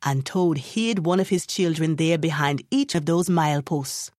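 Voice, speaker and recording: A woman telling a folktale in an expressive storytelling voice. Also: low voice, moderate pace, dry recording, clean studio sound. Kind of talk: folktale narration.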